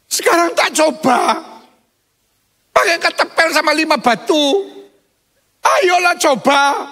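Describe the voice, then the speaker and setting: Brief: male pastor doing young shepherd David, teasing and fearless, voice pitched up high and bright. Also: expressive, slow, heavily acted. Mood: cheeky. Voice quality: playful, teasing. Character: young shepherd boy David, cheeky and unafraid. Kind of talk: sermon storytelling.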